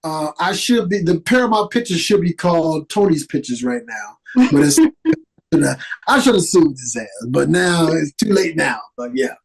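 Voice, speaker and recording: A middle-aged man, an actor, telling stories in an animated, casual way as a podcast guest. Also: on the high side, unhurried, creaky, breathy edge, poor audio. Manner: animated, lively storyteller with restarts. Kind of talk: casual interview storytelling.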